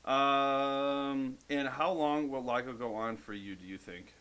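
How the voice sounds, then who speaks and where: A man co-hosting a podcast in a loose question-and-answer chat. He reads out viewer questions in a steady, middle-pitched voice and then answers them offhand, with some swearing. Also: slow pace, clear, resonant tone. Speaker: podcast co-host. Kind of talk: casual Q&A chat.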